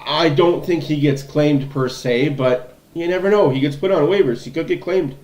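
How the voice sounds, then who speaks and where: A man's voice: on the high side, normal speed, a little mellow. A man hosting a livestream, giving blunt, opinionated fan commentary over a hockey game. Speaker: livestream host. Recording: echoey room.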